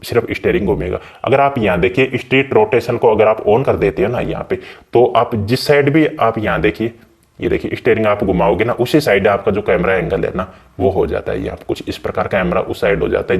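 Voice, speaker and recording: A man with a fairly deep, darkish voice hosts a gaming channel. He casually talks viewers through a game's settings, keeping it chatty and frequently calling them brother.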